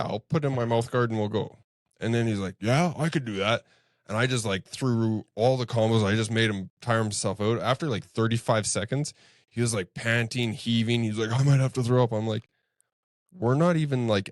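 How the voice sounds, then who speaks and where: A man's voice: mid-range voice, normal speed, no room sound, clean studio sound. A man co-hosting a podcast, a martial arts coach who tells stories casually, acting out what people said and swearing loosely. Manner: animated storyteller, acts out quoted voices, swears casually. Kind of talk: casual storytelling chat.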